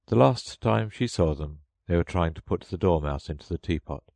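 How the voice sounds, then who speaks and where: A man narrating a children's audiobook in a gentle, expressive storybook read. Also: low-pitched, normal speed, creaky, dry recording.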